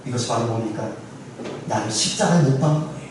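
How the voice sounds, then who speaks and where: A male pastor preaching a sermon, telling a story in an animated way and asking rhetorical questions. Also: mid-range voice, quick pace, far from the mic. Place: church sanctuary. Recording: very echoey church hall from afar, faint noise.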